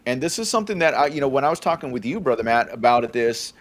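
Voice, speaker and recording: Speaking at a quick clip with lively intonation, a medium-pitched male voice offers commentary on a faith podcast he co-hosts. He's a Californian in his forties whose casual delivery is full of fillers and a recurring "okay?"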